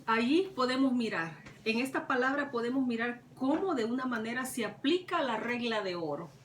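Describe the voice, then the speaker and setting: A woman preacher teaches from scripture in a high voice, circling back over her words and posing questions to her listeners. She sounds set back from the microphone, in a room that echoes. A faint background ambience runs underneath. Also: lively intonation, normal speed, recorded from a distance, slight background noise. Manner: retells scripture with many repetitions and rhetorical questions. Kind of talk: Bible teaching.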